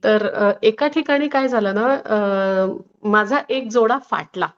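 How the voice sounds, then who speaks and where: A woman's voice: mid-range voice, takes it slowly, lo-fi sound. A woman guest telling personal stories in a reflective, anecdotal way, with frequent hesitations. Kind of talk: personal storytelling in conversation.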